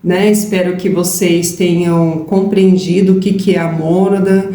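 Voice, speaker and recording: A woman with a mellow, darker voice calmly explains spiritual ideas to her audience, often turning to them directly. The sound is roomy, with a faint hiss behind it. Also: fairly low pitch, unhurried. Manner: calm, affirming explanations with "gente" and "né?". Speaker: spiritual channel co-host. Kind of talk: casual spiritual talk.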